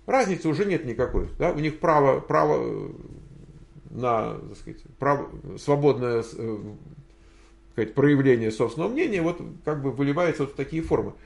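An older man with a gravelly, creaky voice hosts a relaxed Q&A for his viewers. He drifts through his answers and thinks aloud, pausing often to hunt for words. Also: mid-range voice. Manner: rambling, thinking aloud with many hesitations. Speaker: host answering viewer questions. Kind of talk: casual livestream Q&A.

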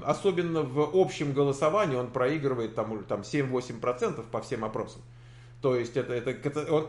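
A man giving casual political commentary on a live stream, halting, with many fillers and restarts. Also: fairly high pitch, echoey room. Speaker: political commentator reading viewer chat.

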